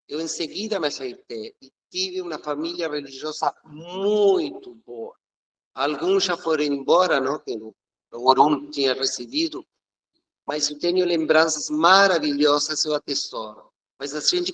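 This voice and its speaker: On a low-quality recording, a slightly high, somewhat bright male voice recounts his religious life as an interview guest, an emotional personal story. He's Uruguayan, a native Spanish speaker with a Uruguayan accent, and speaks earnestly and reflectively, now and then stopping and restarting haltingly.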